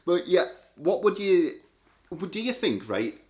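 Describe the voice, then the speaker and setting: A man's voice: high voice, measured pace. Playful man hosting a spiritual chat. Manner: playful, energetic, lecturing the viewers. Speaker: channel host.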